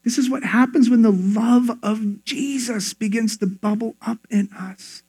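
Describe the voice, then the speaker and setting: A man's voice: sits high, unhurried, a little mellow, husky. A male pastor preaching a sermon in an earnest, conversational way. He often repeats words as he starts his phrases.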